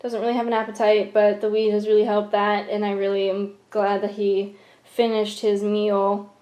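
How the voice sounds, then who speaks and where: A young woman with an American accent speaks at an average pitch. She chats informally, as in a vlog recorded at home, in loose everyday speech. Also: completely flat delivery, normal speed, mellow. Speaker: vlogger and caregiver. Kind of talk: casual vlog chat. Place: room at home.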